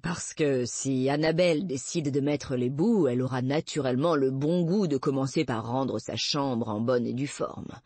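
A woman voicing a wry, steady male police detective, read in a dry, calm, patient manner. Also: rumbling low, normal speed, few pauses, breathy edge, dry recording, voice pushed down.

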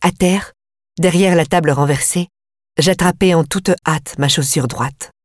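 A woman reading a novel aloud in the first person, in a measured and steady way. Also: sits low, dry recording, studio quality. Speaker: audiobook narrator.

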